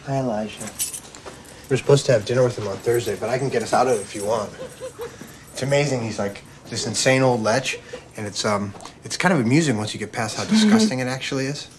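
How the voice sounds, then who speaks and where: An actor playing a nervous, rambling man who talks too fast to fill every silence. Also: mid-range voice, background noise, natural voice. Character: nervous, rambling grown man covering up with chatter.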